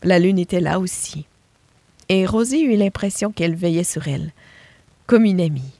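A woman reading a children's picture book aloud with expressive, animated narration. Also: on the low side, normal speed, no echo. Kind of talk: storybook reading.

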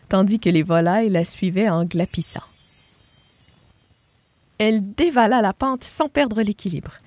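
A woman reading a children's picture book aloud with expressive, animated narration. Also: mid-range voice, no room sound. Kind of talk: storybook reading.

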